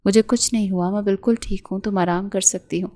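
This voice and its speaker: A woman voicing a tired, withdrawn young husband who speaks in a calm, reassuring way. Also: mid-range voice, close to an everyday voice. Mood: subdued.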